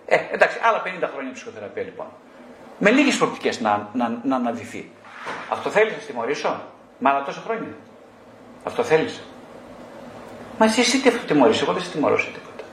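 Blunt animated male psychotherapist, echoey room. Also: medium pitch, long pauses, a little hiss or hum. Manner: blunt, lively, mockingly scolding; addresses listeners directly, with rhetorical questions. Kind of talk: talk to a group.

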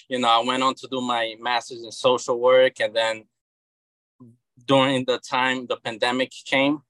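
Guesting on a casual interview, this comic book creator from Brazil, a man in his thirties with a Brazilian Portuguese accent, talks a little slowly in a mid-range voice. He sounds bright and forceful yet hesitant, with frequent restarts and repeated words. It's recorded in a dry room free of echo.

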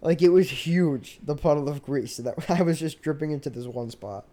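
Mellow, higher-pitched young American guy chatting. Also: moderate pace. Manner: slangy, bro-heavy banter. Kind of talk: casual chat.

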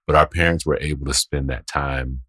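A man's voice: rumbling low, fairly even intonation, a little fast, fairly bright tone, dry recording, clean studio sound. A man in his thirties co-hosting a casual podcast chat, laid-back but candid and emphatic about his views. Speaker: podcast co-host, homeschooling parent.

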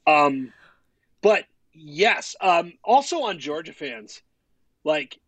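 A man co-hosting a sports podcast, telling stories in a rambling, profane, animated way. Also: fairly high pitch, takes it slowly, breathy edge, no room sound. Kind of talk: casual chat.

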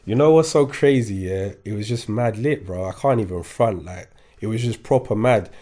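A man's voice: lowish voice, moderate pace, mellow. A young man, telling his story as a guest in casual podcast chat, laid-back and full of slang. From born in France, grew up in Kingston, England.

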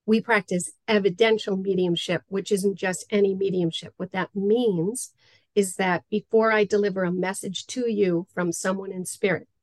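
A woman's voice: mid-range voice, a little mellow, no echo, low-quality recording. A woman speaking as an interview guest, a spiritual medium explaining things earnestly and step by step in a conversational way.

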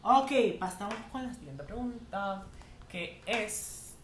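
A man's voice: high voice, expressive, slow. A man hosting a casual podcast in a campy, playful way, calling people "my love". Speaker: podcast host. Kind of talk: casual chat. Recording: echoey room, faint noise.

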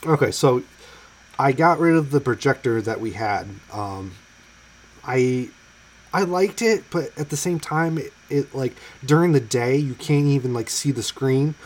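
A man's voice: medium pitch, expressive, unhurried. A man co-hosting a podcast in loose, chatty casual conversation, full of ums and likes. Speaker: podcast co-host. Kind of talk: casual chat.

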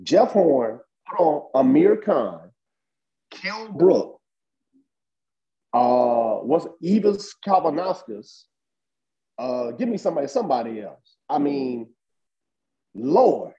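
A man's voice: a little high, takes it slowly, long pauses, highs cut off. A man co-hosting a boxing chat show, talking casually and emphatically with lots of fillers. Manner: animated, emphatic, heavy use of fillers. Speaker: boxing podcast co-host.

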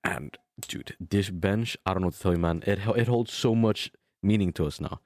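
A man's voice: low voice, moderate pace, darkish tone, no room sound. A young man chatting casually as a podcast co-host, telling stories in bro-ish frat-boy slang with plenty of swearing. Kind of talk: casual chat, storytelling.

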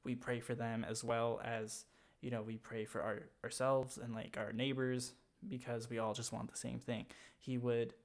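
Rambling young man in casual chat. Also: medium pitch. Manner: rambling, halting, many fillers.

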